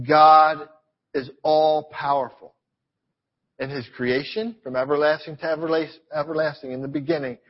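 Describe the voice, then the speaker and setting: Husky-voiced man preaching a sermon. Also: on the high side, lo-fi sound. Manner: animated preaching with repetitions and rhetorical questions. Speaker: pastor. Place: church.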